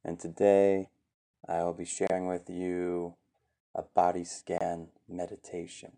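Low, gravelly, calm male meditation guide. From USA. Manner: slow, gentle, with fillers. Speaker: meditation teacher.

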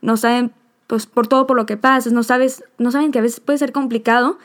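A woman's voice: on the high side, fairly even intonation, brisk. A young woman hosting a podcast, talking heartfelt and rambling. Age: young adult. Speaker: podcast host. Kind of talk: emotional podcast chat.

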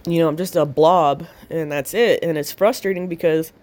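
Her voice sits low with a darkish tone. Talking close into a handheld voice recorder for her casual audio diary, she rambles and swears without restraint, taking it slow with long pauses.

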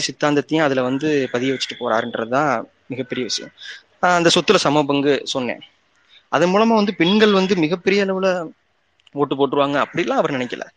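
A man's voice: a little high, fairly bright tone, muffled recording. Earnest man explaining at length. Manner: earnest, explanatory, restarts and repeats phrases. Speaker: speaker in an online audio discussion. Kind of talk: casual political talk. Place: online audio room.

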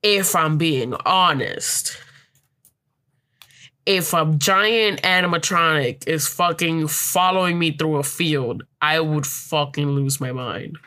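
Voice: mid-range voice, slow pace, pushed and bright. A speaker in a casual gaming chat who rambles loosely and swears freely.

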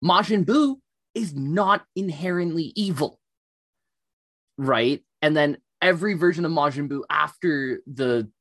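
A man's voice: fairly high pitch, measured pace, a bit bright. A man co-hosting a casual chat podcast, rambling with lots of fillers and self-deprecating enthusiasm. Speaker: podcast co-host.

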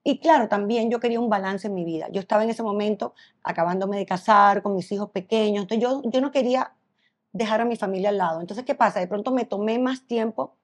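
Brief: middle-aged female stylist, interview guest, animated and emphatic, fast talker. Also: medium pitch. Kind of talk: casual interview chat.

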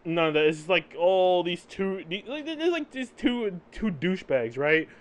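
A man's voice: high-pitched, lively intonation, normal speed. A man co-hosting a podcast, chatting casually about comic books and tagging his points with "right?". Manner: tags sentences with "right?"; laughs often between points. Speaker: podcast co-host. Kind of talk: casual comic book discussion.

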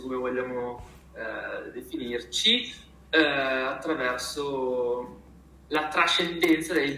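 Uomo espressivo ed enfatico, voce squillante. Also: male voice, medium pitch. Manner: emphatic, expressive. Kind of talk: casual conversational interview. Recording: roomy, echoing sound.

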